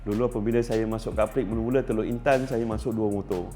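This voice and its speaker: Speaking with fairly even intonation, a middle-aged Malaysian racing team principal gives casual, considered interview answers in a lowish, warm, mellow voice. He pauses on fillers and reworks sentences midway, and faint music sits in the background.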